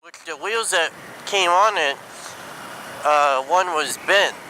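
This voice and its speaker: A man talking casually and haltingly inside a helmet while riding a motorcycle, thinking aloud like a vlogger. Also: on the high side, pushed and bright, rough recording. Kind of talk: casual rambling motovlog talk. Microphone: mic inside helmet. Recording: helmet mic, clear road and engine noise.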